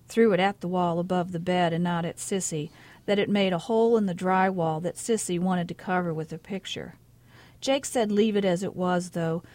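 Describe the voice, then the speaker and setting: A woman author giving a measured, quiet literary reading of her own short story in a radio studio. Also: fairly low pitch.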